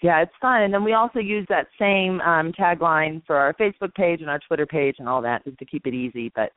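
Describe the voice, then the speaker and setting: A woman's voice: low-pitched, fairly quick, no room sound. A woman calls in to a radio show and tells stories with an easy, chatty flow, often laughing at herself. Her voice comes through a thin, tinny phone line. The sound is dry. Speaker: guest from an instructors' association. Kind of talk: casual radio chat.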